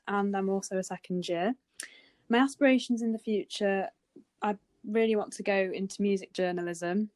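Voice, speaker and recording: A woman's voice: medium pitch, darkish tone, no echo. A woman in her twenties from Cheshire, co-hosting a casual podcast chat in an earnest, self-deprecating way. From Cheshire, England. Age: 20s. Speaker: podcast co-host.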